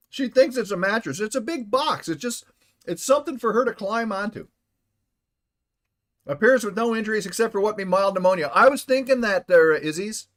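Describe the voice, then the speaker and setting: Man, game streamer, casual live chat, playful, fairly high voice, very expressive pitch. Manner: playful, chats with viewers, invents silly words. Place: at home.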